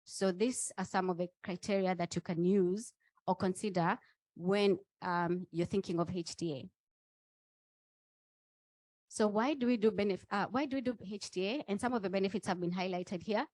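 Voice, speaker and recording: A woman's voice: mid-range voice, normal speed, a little mellow, no echo. A woman facilitating a training session, explaining points didactically and turning to the room.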